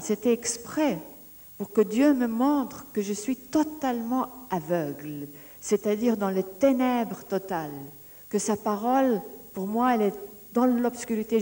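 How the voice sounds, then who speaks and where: A woman giving a personal testimony, telling her story in a lively way and often restarting her sentences as she searches for words. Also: medium pitch. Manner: lively storytelling, acting out the dialogue she recounts.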